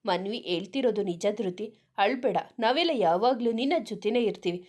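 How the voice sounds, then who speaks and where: A woman voicing a kind young woman who speaks gently and reassures her friend in a narrated story. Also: mid-range voice, fairly quick, lightly acted. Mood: gentle.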